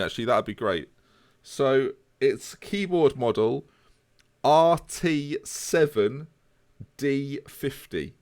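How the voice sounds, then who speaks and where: A young man chats with viewers during a live stream, his voice rising and falling a lot as he jokes along. He talks casually and easily, answering chat as it comes, with a middle pitch for a man. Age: 20s. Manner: chatty, jokey, answers chat.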